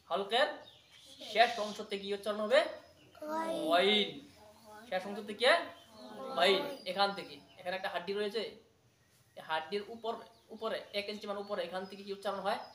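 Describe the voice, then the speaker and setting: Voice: medium pitch, fairly bright tone. A patient Quran recitation teacher giving a pronunciation lesson to a child, repeating each sound and having it echoed back. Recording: echoey room.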